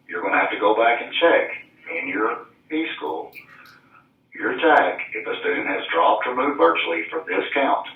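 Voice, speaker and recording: A man making a firm announcement to teachers over a school intercom, repeating his instructions. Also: medium pitch. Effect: school intercom loudspeaker. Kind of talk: public address announcement. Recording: distant, roomy, dull intercom sound.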